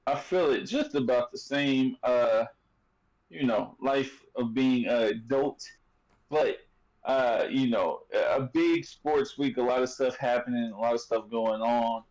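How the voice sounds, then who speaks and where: A man's voice: mid-range voice, measured pace, darkish tone, low-quality recording. A man hosting a sports podcast in loose, joking casual chat, full of fillers and restarts. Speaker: podcast host.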